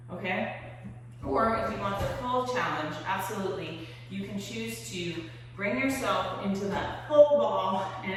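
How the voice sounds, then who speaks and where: A woman working out as she teaches, an encouraging aerobics instructor who counts reps aloud and calls out form cues. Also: medium pitch. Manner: exerting while talking. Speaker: fitness coach. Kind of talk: aerobics instructor leading a seated workout. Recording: echoey hall, distant mic, noisy.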